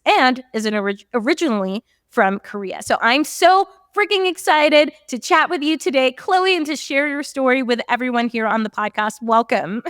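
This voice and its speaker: Bubbly young female podcast host, slightly high, dry close mic. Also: fairly bright tone, no echo. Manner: bubbly, gushing, laughs often. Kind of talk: casual podcast interview.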